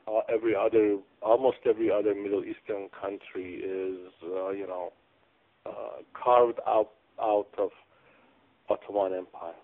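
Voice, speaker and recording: A man from Iran, a pastor, answering interview questions in a halting way with many pauses and fillers. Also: lowish voice. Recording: phone-like narrow band.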